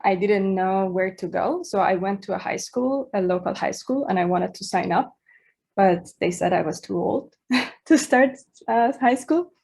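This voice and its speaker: A woman's voice: medium pitch, measured pace, creaky, darkish tone, breathy edge. A woman, giving a talk to students in a hesitant way, with many fillers and small laughs. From Iran. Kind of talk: presentation to students.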